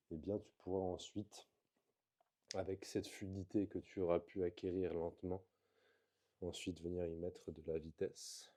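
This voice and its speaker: A man talking through slow floor exercises in a calm, explanatory vlog, coaching the viewer as he moves. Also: low voice. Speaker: movement coach. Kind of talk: instructional vlog.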